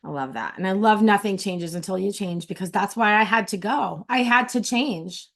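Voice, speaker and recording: A woman's voice: medium pitch, moderate pace, a bit bright. A middle-aged woman in a casual vlog sharing her notes from a retreat, heartfelt and close to tears, often restarting her phrases. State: tearful.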